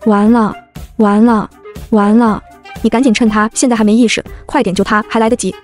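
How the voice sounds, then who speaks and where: A woman voicing a frantic, shrill male magic system in a web-novel story. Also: very fast, a little mellow, faint music behind, lightly acted. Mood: panicked. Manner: shrill, panicky.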